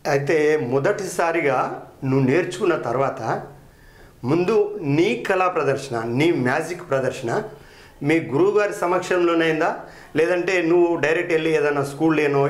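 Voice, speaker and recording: A middle-aged male host asks questions in a slightly raised voice. He keeps up a stream of approving murmurs and praise. The room around him sounds echoey. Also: on the high side. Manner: encouraging, frequent hmm and super. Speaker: interviewer, talent show host. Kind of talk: interview questions.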